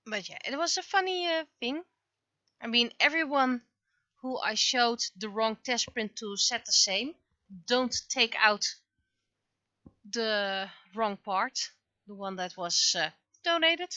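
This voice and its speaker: A woman livestreamer and webcomic artist chats casually as she draws, frequently muttering to herself while she works. Her voice is a little high, animated, pushed and bright, and she talks at a slow pace. The audio is dull.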